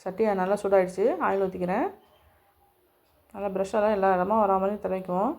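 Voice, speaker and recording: A woman's voice: mid-range voice, level tone, fast talker, a little mellow. A woman, hosting a home cooking demonstration and explaining each step straight to her viewers. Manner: homely step-by-step instructions, speaking to viewers directly. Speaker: cooking channel host.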